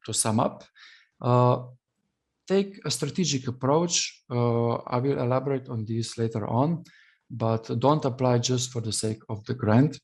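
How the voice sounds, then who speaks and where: A man's voice: mid-range voice, darkish tone. A man who runs a business gives practical advice in a conference talk. He speaks plainly, with occasional fillers. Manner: advisory, with fillers. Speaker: business owner and entrepreneur.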